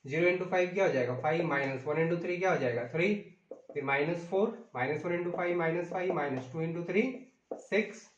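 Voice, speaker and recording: Male math teacher, higher voice, quizzes class, echoey room with a dull, muffled sound. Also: fast. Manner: calls out sums and asks the class questions; mixes English into Hindi. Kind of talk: math lesson.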